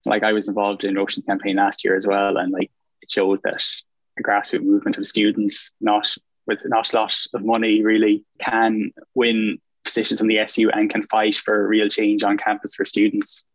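A young man with a west of Ireland accent answers interview questions informally and haltingly. His pitch sits fairly low and barely moves. The sound is dry and somewhat muffled, like a lo-fi recording. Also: monotone, no echo. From Galway, Ireland. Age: 20s. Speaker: student election candidate.

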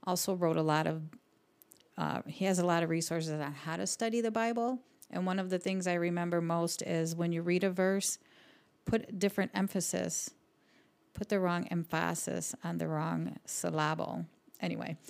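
Low gravelly-voiced woman podcast co-host. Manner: warm storytelling, laughs easily, quotes scripture. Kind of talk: casual faith podcast chat.

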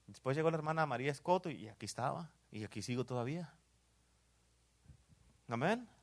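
A man with a Mexican Spanish accent preaching a sermon in church, dropping to hushed asides and rising to loud exclamations, often saying amen. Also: mid-range voice, animated, a little fast. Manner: swings between hushed asides and loud exclamations, repeats "amén".

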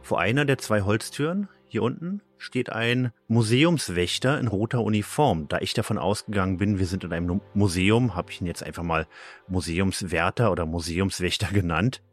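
Low-voiced man chatting about a game. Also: normal speed, soft background music. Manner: relaxed, laughs at himself. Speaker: podcast host. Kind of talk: casual chat about a video game.

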